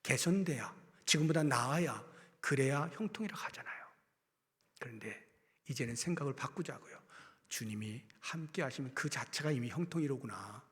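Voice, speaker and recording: A man preaching a sermon as pastor, swinging from loud emphasis to hushed, almost whispered lines. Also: mid-range voice, lively intonation, moderate pace. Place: church sanctuary. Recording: long reverb of a church hall.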